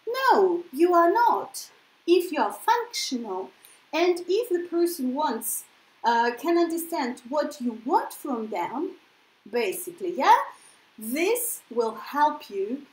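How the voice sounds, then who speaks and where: Speaking slowly in a high, very animated voice, a woman with a Russian accent, born in Russia, teaches English in a relaxed, talkative lesson. She explains things by tacking on "yeah?" to check in with listeners, and the recording is rough and reverberant.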